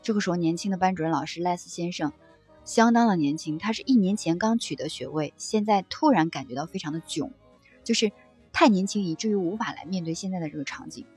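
A woman with a low, husky voice reads passages from a book aloud and shares her reflections. She talks gently and conversationally, pausing on soft fillers between thoughts. Faint music plays underneath her. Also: expressive. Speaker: book-sharing presenter.

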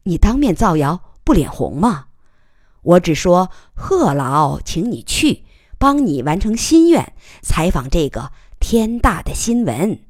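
Even-tempered plainclothes policeman, young man woman narrator doing him; slow, dry delivery. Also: on the low side, dry recording, full character voice. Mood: calm, wry. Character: calm, smooth-talking young plainclothes policeman.

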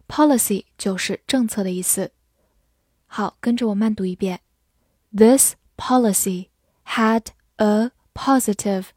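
A woman teaching English vocabulary, spelling words letter by letter and reading sentences slowly for listeners to repeat. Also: mid-range voice, darkish tone, breathy edge, no room sound, studio quality. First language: Chinese. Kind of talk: slow, careful vocabulary lesson.

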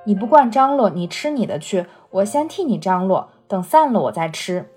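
Woman voicing a brisk, bossy young noblewoman. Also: medium pitch, big pitch swings, dark tone, faint music behind, natural voice. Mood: bossy teasing. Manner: brisk, commanding, teasing. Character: bossy, witty young noblewoman household manager.

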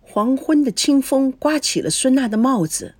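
Woman reading a story aloud, dramatic, lively pitch, dry close mic. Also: normal speed, dry recording. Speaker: story reader. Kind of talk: audiobook narration.

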